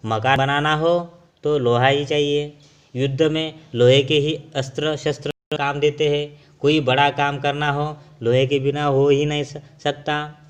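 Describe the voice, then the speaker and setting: A male teacher voicing a proud, quick-tempered male lump of iron who protects and scolds, in a loud, commanding way. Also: a little high, flat delivery, clear, resonant tone, lightly acted.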